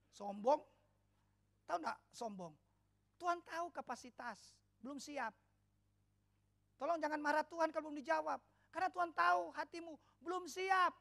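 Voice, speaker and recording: A woman pastor preaching a sermon with lots of drama, acting out shouted quotes from congregants and disciples. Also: sits high, gravelly.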